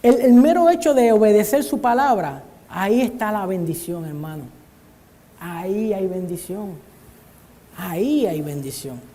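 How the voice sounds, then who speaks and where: A man's voice: sits high, expressive, measured pace, dark tone. A man preaching a Bible study sermon in an earnest way, often calling his listeners brother, speaking in a church hall. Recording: long church-hall reverb.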